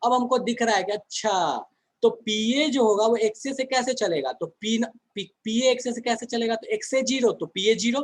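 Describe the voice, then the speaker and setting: A man's voice: very high voice, moderate pace, poor audio. A man teaching a chemistry class online in a conversational way, often asking the students questions and answering them himself.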